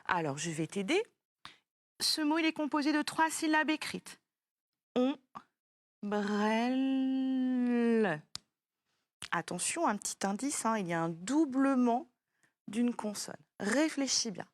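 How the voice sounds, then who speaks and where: A woman's voice: fairly high pitch, big pitch swings, measured pace, no room sound. A woman teaching a child French spelling, patiently spelling words out letter by letter.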